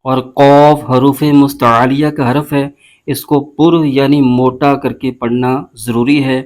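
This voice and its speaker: A man teaching a recitation lesson, explaining pronunciation rules and spelling out syllables slowly and deliberately. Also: mid-range voice, little pitch movement, a little mellow. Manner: slow, drawn-out spelling of syllables between brisk explanations. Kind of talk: word-by-word tajweed lesson.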